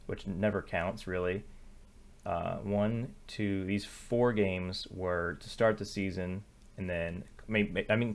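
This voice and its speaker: A young man hosting sports betting picks, thinking aloud in casual commentary, often correcting himself. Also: low-pitched. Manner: thinking aloud, self-correcting, filler-heavy. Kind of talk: casual screen-share commentary.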